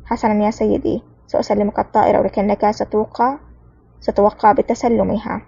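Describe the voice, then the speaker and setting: A woman's voice: medium pitch, flat delivery, fairly quick, vocal fry, dark tone, breathy edge, no echo, lo-fi sound. A woman voicing an uneasy, dutiful male airfield officer who speaks hesitantly, in a storybook reading.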